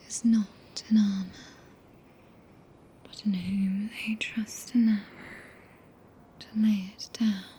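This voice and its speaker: A regal witch played by a woman whispers in a soft British accent, drawing out each phrase very slowly. Her breathy voice is mellow, tender and devoted, in an old-fashioned courtly ASMR roleplay. There is a faint noise behind it. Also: medium pitch. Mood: soothing, intimate. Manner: slow, archaic, soothing speech.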